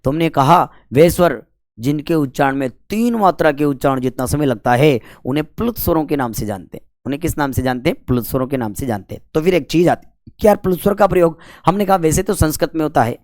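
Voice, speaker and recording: A man's voice: a little high, fast, darkish tone, no echo, clean studio sound. A man teaching grammar for exam prep. He asks questions, answers them himself and stretches out the vowel sounds. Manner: chatty, with jokes between the rules.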